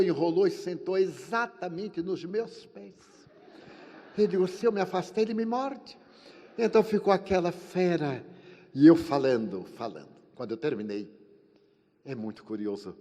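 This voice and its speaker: Older Brazilian man, spiritist lecturer, theatrical storyteller, live hall with long reverb. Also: moderate pace. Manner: animated storyteller, acting out dialogue with shifting pitch and volume. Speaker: spiritist speaker.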